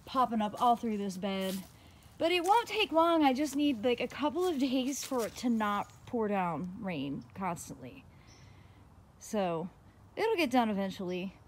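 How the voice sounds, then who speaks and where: A woman's voice: fairly high pitch, slight background noise. A woman chatting casually and laughing easily as she walks through her outdoor garden, filming on a phone. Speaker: gardening vlogger.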